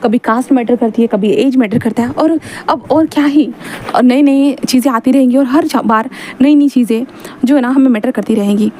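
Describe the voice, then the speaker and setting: Lady doing a joking middle-aged dad in a story, rambles on a bit, high warm voice. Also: moderate pace, a little hiss or hum, natural voice. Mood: wry.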